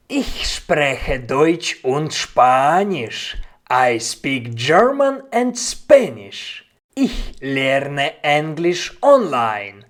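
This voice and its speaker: A language teacher reading a scripted beginner lesson, saying each phrase slowly and repeating it along with its translation. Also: medium pitch.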